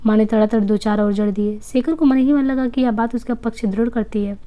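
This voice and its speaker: A woman reading a novel aloud at a steady pace, sometimes slipping and restarting a phrase. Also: a little high, brisk, muffled recording. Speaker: reader.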